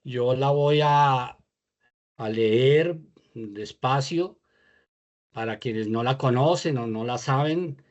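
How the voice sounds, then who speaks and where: A man leads a prayer at an unhurried, deliberate pace, leaving pauses between each phrase. His pitch sits in a typical middle range. The sound comes through a video call. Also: dull audio. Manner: slow and measured, with pauses. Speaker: prayer leader. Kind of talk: slow spoken prayer.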